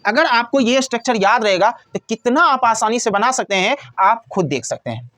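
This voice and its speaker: Woman teacher, high voice that bounces around, asks and answers her own questions. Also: animated, a bit bright, no echo. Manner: asks questions and answers them herself, repeats key words slowly. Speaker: English grammar teacher. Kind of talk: explaining a grammar lesson.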